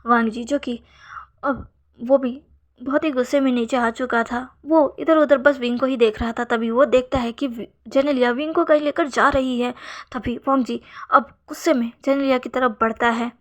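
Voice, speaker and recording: A woman retelling a fan fiction story in steady narration. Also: high-pitched, normal speed.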